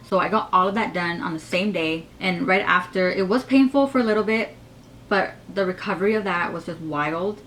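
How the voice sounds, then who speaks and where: A woman's voice: on the low side, normal speed, fairly bright tone, slight background noise, rough recording. A woman in her twenties with a slight lisp from braces, chatting casually in a rambling Q&A vlog with lots of fillers. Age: 20s. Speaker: YouTuber.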